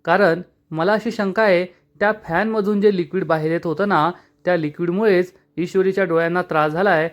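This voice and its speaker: A man voicing a young businessman hero from a TV serial, measured and questioning, calm but firm. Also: high-pitched, lightly acted.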